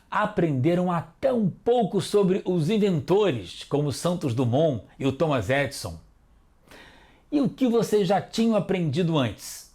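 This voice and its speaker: A man with a Brazilian Portuguese accent teaching a televised children's lesson, calling out words slowly one at a time. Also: fairly high pitch, a little mellow. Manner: slow, deliberate, spelling words out one by one. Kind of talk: scripted classroom instruction for children.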